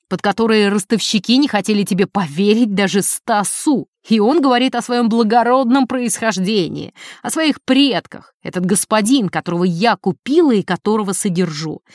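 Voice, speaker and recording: A woman reading as a furious rich wife who scolds her husband in a shrill, scolding voice. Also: darkish tone, no room sound, clean studio sound, close to an everyday voice. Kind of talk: audiobook character reading.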